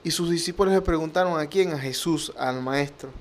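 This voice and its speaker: High-voiced fervent male radio preacher. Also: brisk. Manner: fervent, repetitive, pleading phrasing.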